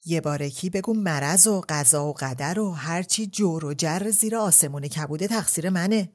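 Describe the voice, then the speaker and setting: A quick-tempered older noblewoman from a storybook, put on by a woman reader, full of biting retorts. Her voice sits low and dark, and she scolds with raised force. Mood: scolding, indignant.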